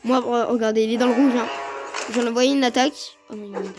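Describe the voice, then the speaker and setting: A woman's voice: fairly high pitch, fairly even intonation, racing, music in the background. A woman hosting a gaming video, giving casual gameplay commentary and reacting aloud to the play with exclamations.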